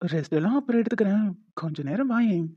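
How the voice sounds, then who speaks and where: A woman voicing a playful young husband who coaxes his wife in an animated story. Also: medium pitch, fast talker, highs cut off, lightly acted. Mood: teasing. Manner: playful, coaxing.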